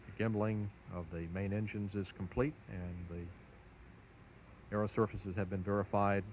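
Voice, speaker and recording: A man giving measured, formal live commentary as a launch commentator. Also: lowish voice, little pitch movement, darkish tone. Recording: faint background noise.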